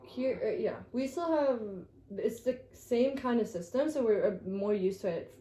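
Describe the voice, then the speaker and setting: A young woman from Sweden, a guest in casual conversation, relaxed and agreeable with many fillers. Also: fairly high pitch, normal speed, roomy sound, rough recording. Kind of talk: casual chat.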